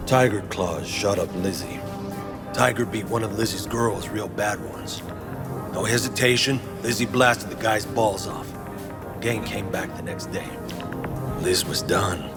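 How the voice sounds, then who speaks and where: Laconic, low-voiced male bartender. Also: a little slow, loud music behind the voice. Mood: grim. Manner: laconic, wry storytelling. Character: worldly, matter-of-fact male bartender recalling rough days. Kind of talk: video game voice acting.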